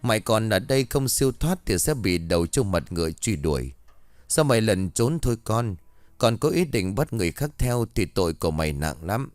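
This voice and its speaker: A man's voice: fairly low pitch, very animated, fairly quick, no echo. A man voicing a stern old male exorcist who scolds a ghost, in a spoken storybook.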